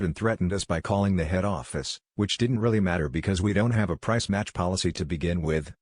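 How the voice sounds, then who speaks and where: A man's voice: deep voice, no echo, studio quality. A man reading out a first-person story as a scripted narration. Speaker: narrator of a retail worker's story.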